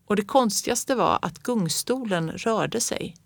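A woman narrating a children's story aloud in a lively, expressive way. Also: medium pitch, creaky, no room sound.

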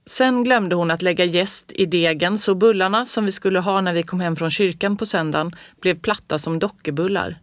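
A woman reading a children's storybook aloud in a calm, even storytelling voice. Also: lowish voice, few pauses, dry recording, clean studio sound.

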